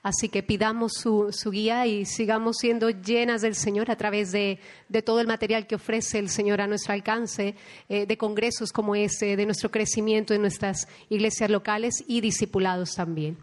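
Woman, moderator, even flat tone. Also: medium pitch, moderate pace. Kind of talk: closing remarks.

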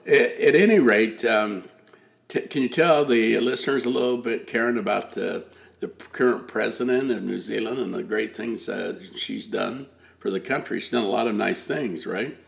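A man's voice: lowish voice, moderate pace, gravelly. An older man hosting a casual podcast interview, rambling with many fillers and restarts. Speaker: podcast host.

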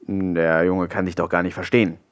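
A storybook wolf with a low, grumbling growl, big, grey and quick to anger but soon kind, as a man puts him on. The voice sits well below the reader's own. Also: flat delivery, clean tone. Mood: gruff.

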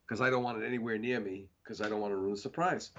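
A man's voice: on the low side, fairly even intonation, muffled recording, close to an everyday voice. A man voicing an eager buyer who hurries to buy a painting as a surprise gift. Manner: hushed, hurried. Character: eager middle-aged man buying a gift.

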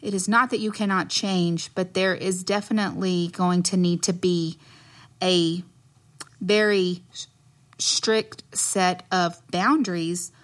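A woman's voice: lowish voice, steady tone, slow. A woman with a West Texas accent speaking as a nurse guest in an interview, explaining earnestly and choosing her words carefully.

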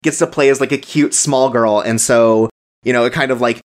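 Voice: medium pitch, steady tone, normal speed. A podcast co-host chatting casually about anime, rambling with lots of filler words and frequent laughter. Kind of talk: casual chat.

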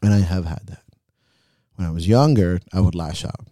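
A man's voice: low voice, normal speed, dark tone, no room sound. A man hosting a podcast as a coach, talking in a frank, reflective way and swearing freely. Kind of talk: casual podcast chat.

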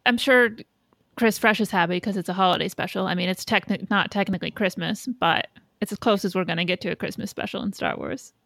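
A woman's voice: mid-range voice, steady tone, quick pace, vocal fry, fairly bright tone, no echo, clean studio sound. A woman chatting casually as a podcast co-host, blunt and opinionated with casual swearing. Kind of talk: casual fan chat.

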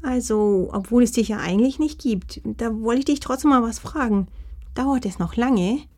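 A woman's voice: lowish voice, steady tone, very slow, dark tone. A woman voicing a kindly, flustered grandmother who talks hesitantly and stammers in a storybook.

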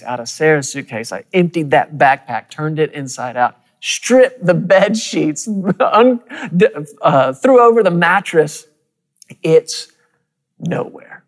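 A man preaching, telling a personal story in an animated way, with quick bursts and soft, quiet asides. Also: fairly high pitch, in a large hall. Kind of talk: storytelling sermon.

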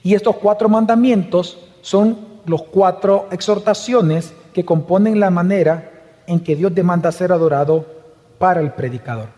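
A man's voice: sits high, moderate pace, dark tone. A man preaching a sermon in earnest, asking the congregation rhetorical questions. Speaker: pastor. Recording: long hall reverb.

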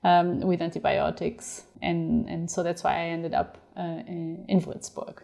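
A woman talks through her answers as an interview guest, thoughtful and hesitant, often restarting her sentences. Her voice is dark and mellow with a gravelly fry at the ends of her phrases. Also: lowish voice, level tone, measured pace. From Portugal. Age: 30s. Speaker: guest researcher.

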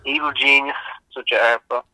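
An Irish man co-hosting a podcast in casual chat, heard over the phone, animated and swearing freely. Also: medium pitch, moderate pace, no room sound, rough recording. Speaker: podcast co-host.

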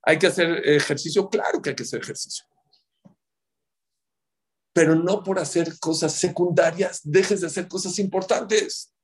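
A man's voice: normal speed, long pauses, breathy edge. A man who gives marriage advice to an audience, speaking emphatically and counting off his points. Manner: emphatic, counts off points, acts out quotes in sudden high outbursts. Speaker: religious advisor on marriage.

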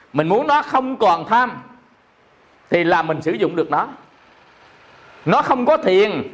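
High-voiced man giving a dharma talk. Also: a bit bright. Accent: Southern Vietnamese. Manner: explains by repeating and asking listeners rhetorical questions. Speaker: Buddhist teacher.

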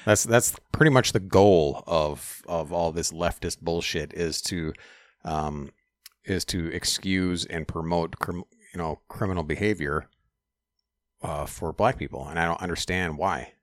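A man co-hosting a podcast in casual chat, halting as he searches for words. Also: deep voice, no room sound. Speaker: podcast co-host.

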